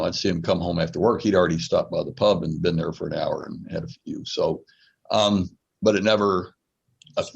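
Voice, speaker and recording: A man with a very low, gravelly voice takes part in a reflective podcast conversation. He speaks in a measured, thoughtful way, and his voice has a husky edge. The audio is dull and lo-fi.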